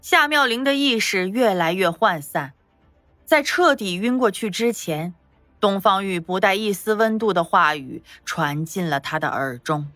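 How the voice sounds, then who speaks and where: A woman giving expressive scripted narration for a palace audio drama. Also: medium pitch, measured pace, no echo, faint music behind.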